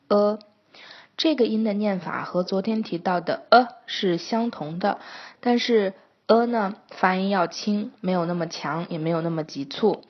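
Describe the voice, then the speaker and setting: A woman teaching English pronunciation in a patient, explanatory lesson, pausing often with hesitation fillers. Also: mid-range voice. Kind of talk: scripted lesson narration. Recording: dull lo-fi recording.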